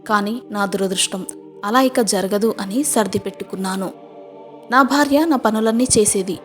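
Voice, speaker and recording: A woman narrating a scripted first-person moral story in a steady, measured reading voice. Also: mid-range voice, faint music behind.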